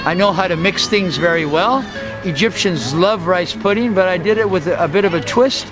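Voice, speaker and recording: High-voiced older man, rambling. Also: rough recording. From USA. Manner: unhurried, rambling, many uh fillers. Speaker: interviewee, street vendor. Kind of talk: casual storytelling interview. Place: outdoors on a town street. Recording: travel video with loud music bed. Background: loud background music.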